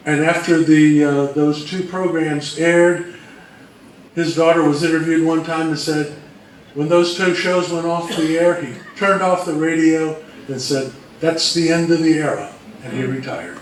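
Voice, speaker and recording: Captured from a distance in an echoey room with faint noise, a co-presenter shares old-time radio history as hesitant, matter-of-fact storytelling. He speaks unhurriedly, with a fairly high pitch, in an informal manner.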